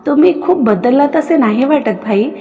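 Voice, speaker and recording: Audio story: a woman voicing a boyish, teasing younger brother, high voice, reverberant recording. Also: moderate pace, phone-quality sound, close to an everyday voice.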